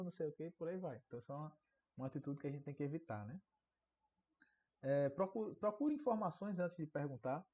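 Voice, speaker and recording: A man's voice: a little high, darkish tone. Chatty male teacher, lo-fi audio. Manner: conversational, frequent tag questions. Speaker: online course teacher. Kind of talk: recorded online class lecture. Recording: dull lo-fi audio.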